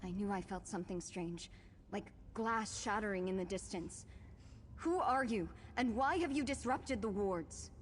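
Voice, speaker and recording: A woman playing a composed, wary young sister in a fantasy video game, speaking in a formal, measured way. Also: medium pitch, expressive, background noise, natural voice. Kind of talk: video game character acting.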